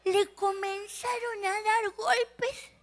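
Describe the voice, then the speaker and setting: A woman telling an animated story for children, asking the audience questions. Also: very high-pitched, drawn-out words.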